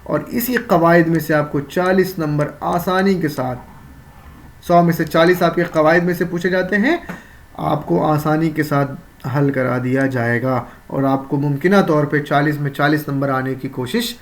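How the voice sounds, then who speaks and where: A man with a fairly high voice gives an exam-prep grammar lesson. He explains patiently and step by step, repeating key terms for his students. He often asks a question and then answers it himself. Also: steady tone. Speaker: teacher.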